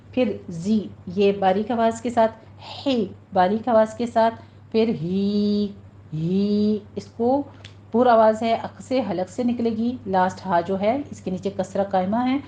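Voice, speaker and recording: A woman teaching a tajweed lesson, patiently explaining pronunciation rules and slowly repeating words for her students to practice. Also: a little high, fairly even intonation, mellow. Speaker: Quran recitation teacher.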